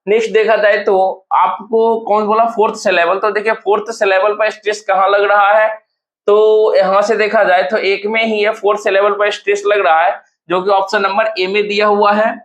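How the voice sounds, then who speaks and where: A man's voice: high voice, little pitch movement, normal speed, a bit bright. A man teaching an exam-prep lesson, explaining step by step and asking the class repeated questions.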